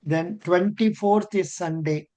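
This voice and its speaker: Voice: mid-range voice, takes it slowly, dark tone. An older interview coach with an Indian accent, giving mock interview feedback in an encouraging way and often repeating phrases.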